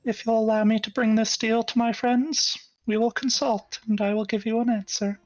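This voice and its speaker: Voice-changed female adventurer, polite and measured, a man behind it, high pitch, dull dry sound. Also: little pitch movement, a little mellow, no room sound. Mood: diplomatic. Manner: formal, careful phrasing with hesitations. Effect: voice changer raising the pitch to a woman's. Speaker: player. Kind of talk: in-character tabletop roleplay.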